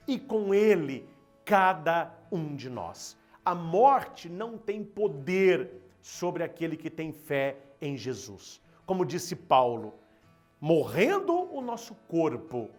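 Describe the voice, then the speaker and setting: Slow dramatic Brazilian priest. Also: male voice, on the high side, a little mellow. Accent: Brazilian Portuguese. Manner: slow, dramatic, emphatic storytelling. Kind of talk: Easter sermon with a spoken parable.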